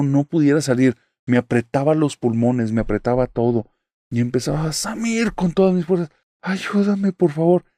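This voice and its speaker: A man reads a listener's horror story in the first person, in an even, steady storytelling voice. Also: mid-range voice, no room sound, studio quality. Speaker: narrator.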